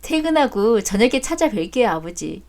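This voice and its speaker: A woman's voice: fairly high pitch, big pitch swings, normal speed, darkish tone. A woman voicing a blunt adult son who talks back cheekily to his father in a storybook drama. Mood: cheeky.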